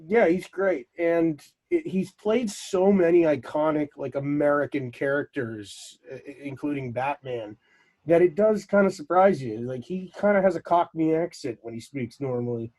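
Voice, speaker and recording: A man's voice: a little high, lively intonation, darkish tone, no room sound. Chatty enthusiastic man, dry close mic. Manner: chatty, enthusiastic, quick asides. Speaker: podcast co-host. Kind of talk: casual film talk.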